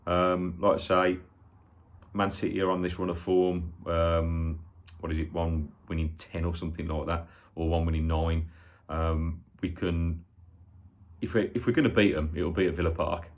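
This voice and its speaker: A man in his forties with a low voice and a Brummie accent. He talks casually as a football fan previewing a match for his viewers, rambling a little and adding matey tag questions. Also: level tone, moderate pace. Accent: Birmingham (Brummie). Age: 40s.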